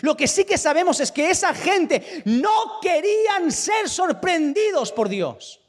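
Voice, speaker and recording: A man's voice: extremely high pitch, big pitch swings, slow pace. A man from preaching a sermon with emphatic rhetorical questions. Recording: long reverb of a large room.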